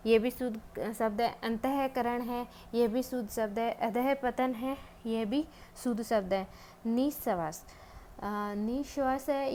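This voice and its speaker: Slow, deliberate woman teaching Hindi spelling. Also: fairly high pitch, darkish tone, a little hiss or hum. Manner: patient, deliberate, many drawn-out hesitations.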